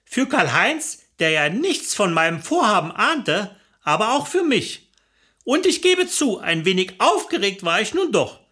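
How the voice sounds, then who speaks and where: Bright, lively woman telling a comic story. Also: mid-range voice, a little slow, breathy edge. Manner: lively, dry humorous narration. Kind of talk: comic first-person storytelling.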